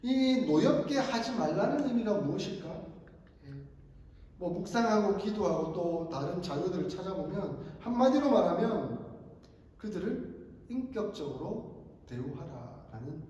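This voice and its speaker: A man's voice: sits high, mellow. A male pastor preaching a sermon, explaining his points and telling a story with rhetorical questions. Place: church sanctuary. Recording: echoey church hall from far off.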